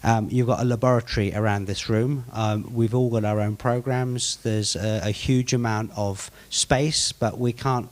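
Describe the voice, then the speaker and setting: A man's voice: medium pitch, steady tone, moderate pace, few pauses. A man with a British accent presenting his group's proposal at a conference, with teasing humor before getting practical. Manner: jokey, teasing, then practical.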